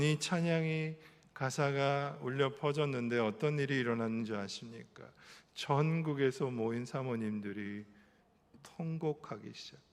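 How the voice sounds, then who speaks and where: A man in his fifties preaching a sermon with passion, moving between hushed tones and loud emphatic repetition. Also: medium pitch. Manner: impassioned preaching, swinging between soft and loud. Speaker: pastor and counseling professor. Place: church sanctuary. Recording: reverberant church hall.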